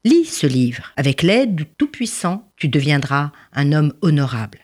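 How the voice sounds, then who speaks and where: A woman voicing a gentle, pious father who speaks softly and solemnly to his son. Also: sits low, big pitch swings, measured pace, heavily acted.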